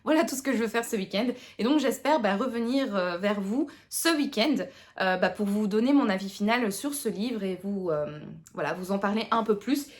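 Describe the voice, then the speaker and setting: Une jeune femme de Tournai, avec l'accent tournaisien, qui parle de ses lectures en vlog, bavarde, avec beaucoup d'hésitations et d'autodérision. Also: female voice, medium pitch, expressive, moderate pace. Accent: Tournai Picard (Belgian French). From Tournai, Belgium. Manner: chatty, many fillers and restarts, self-mocking. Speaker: book vlogger. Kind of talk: casual chat to camera.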